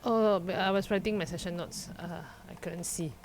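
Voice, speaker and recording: A woman's voice: fairly low pitch, steady tone, normal speed, slight background noise. A woman, chatting and asking questions as a player in a tabletop game. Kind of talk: casual tabletop game chat.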